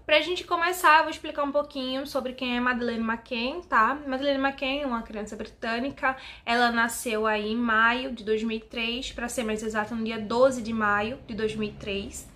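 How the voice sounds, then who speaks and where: Chatty woman vlogging, fairly high voice. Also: steady tone, normal speed, hardly any pauses, sharp tone. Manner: chatty, addresses viewers directly with frequent "tá?" and "né?". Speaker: YouTube channel host. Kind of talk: casual true-crime vlog narration.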